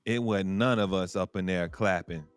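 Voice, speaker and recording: A man co-hosting a casual commentary show, talking in a measured, earnest, conversational way. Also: low-pitched, smooth, no room sound, faint music behind. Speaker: co-host.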